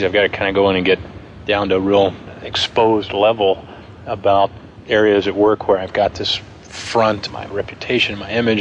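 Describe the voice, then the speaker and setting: A man from New York talking quickly and openly about his fears before the course. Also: on the low side, dull audio, slight background noise. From New York, USA. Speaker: course graduate. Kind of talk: testimonial interview.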